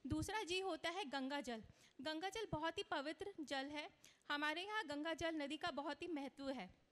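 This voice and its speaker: High-voiced woman lecturing in a reverberant hall. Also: normal speed, fairly bright tone. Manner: earnest, instructive, mixes English words into Hindi. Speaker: astrology speaker. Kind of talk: conference speech. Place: conference hall. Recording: long reverb of a large hall.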